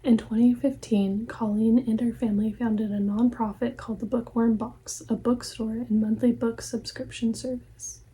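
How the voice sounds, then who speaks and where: Woman in a ASMR role-play as a helpful librarian, very mellow. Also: fairly high pitch, level tone, moderate pace, few pauses, poor audio. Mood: gentle, helpful. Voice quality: soft-spoken, breathy library soft voice. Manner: gentle, hushed, attentive customer-service talk. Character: helpful, polite female librarian recommending books to a customer.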